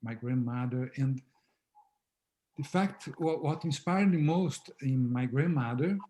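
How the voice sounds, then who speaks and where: This medium-pitched man, a native Portuguese speaker, takes his time and speaks gently and reflectively in a relaxed video-call conversation. He is the guest, having founded a therapy method.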